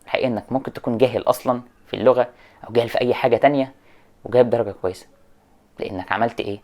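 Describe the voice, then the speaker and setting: A man with an Egyptian Arabic accent talking straight to students, lecturing with animated mock examples of English phrases. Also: medium pitch, racing. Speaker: education vlogger. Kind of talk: direct-address rant to students.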